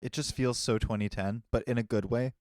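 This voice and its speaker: An enthusiastic man with a mid-pitched voice giving strong opinions on a podcast. He speaks close to the mic with a dry sound and no room echo. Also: steady tone, fairly quick, a little mellow. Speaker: podcast co-host. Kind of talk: casual chat.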